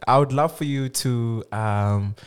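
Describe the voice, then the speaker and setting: A man's voice: mid-range voice, takes it slowly, clean tone. A South African man hosting a podcast interview, speaking hesitantly with many ums and likes as he searches for words. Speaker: podcast host. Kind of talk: casual interview chat.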